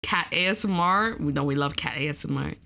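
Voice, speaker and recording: A woman's voice: deep voice, fairly quick, creaky. A woman doing live reaction commentary as a cute anime-style streamer, gushing and exclamatory, often drawing out her words. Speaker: streamer reacting to pet videos. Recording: music behind the voice.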